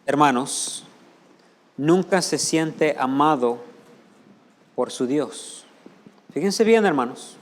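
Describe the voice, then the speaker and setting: A male pastor preaching a Spanish sermon, firing rhetorical questions at the congregation and mimicking people's voices. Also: fairly high pitch. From United States. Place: church sanctuary. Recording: long hall reverb.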